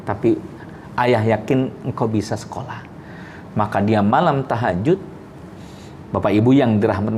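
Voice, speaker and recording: Man telling a story in a sermon. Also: slight background noise. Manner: animated storytelling, often rising high and loud; addresses listeners directly, with frequent asides. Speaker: preacher.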